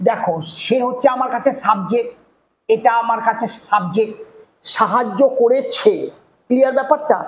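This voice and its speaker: Speaking fast at medium pitch, a teacher walks a class through a grammar lesson one step at a time, frequently making sure everyone is following. Faint noise sits in an echoey room.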